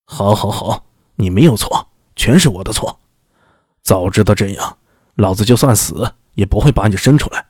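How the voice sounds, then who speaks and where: Man doing a gruff furious old-school father. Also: moderate pace, no echo, clean studio sound. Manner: gruff, lowered, shouting threats. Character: furious proud middle-aged father, blustering.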